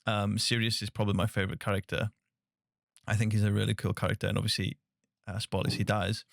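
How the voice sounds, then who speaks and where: A man with a Northern English accent, hosting a soft-spoken podcast interview in a casual, chatty way and laughing easily. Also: fairly low pitch, little pitch movement, fast talker, creaky, no echo, studio quality. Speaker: podcast host.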